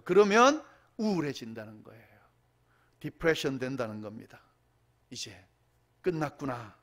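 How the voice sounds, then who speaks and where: Male pastor mid-sermon, animated, voice swoops up on quotes and falls away at line ends. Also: fairly high pitch. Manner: animated preaching, voice rising on quoted cries and dropping at line ends.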